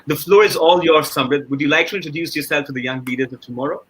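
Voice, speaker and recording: A man's voice: a little high, fast talker, fairly bright tone, a little hiss or hum. A young man moderating a panel with formal, scripted introductions.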